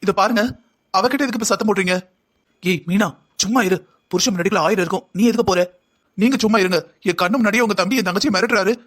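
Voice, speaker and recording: A cartoon voice actor who plays an entire family performs a heated quarrel in an animated drama, trading argumentative lines back and forth. His voice sits high, a bit bright, and he talks fast.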